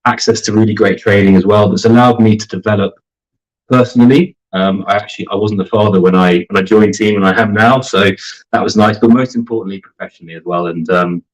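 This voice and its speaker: Articulate man, somewhat low voice. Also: fairly even intonation, fast, low-quality recording. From grew up in Germany, the UK and Canada. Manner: articulate, organized, lists points in order. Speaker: sports marketing team leader, guest. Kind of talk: conversational interview answers.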